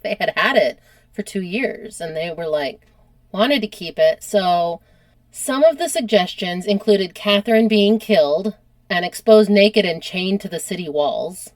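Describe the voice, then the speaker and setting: A podcast host, a woman with a lowish voice, casually retells a history story at a moderate pace. She's chatty and animated and peppers her speech with "like." The recording has no room sound.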